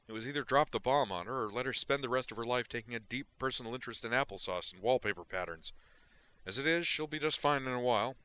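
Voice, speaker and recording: A male reader voices a brash, frantic gonzo doctor for an audiobook, shouting and cursing every line in a loud, sharp, belligerent, agitated way. The character sits far higher than the reader's own deep voice, yet stays smooth, fast and close to an everyday voice, all restless storybook mania.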